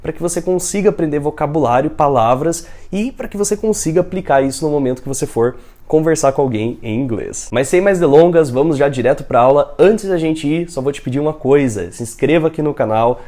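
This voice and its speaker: A young adult man with a Brazilian Portuguese accent, an English teacher giving an upbeat online lesson and modeling English phrases slowly. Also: mid-range voice, dark tone.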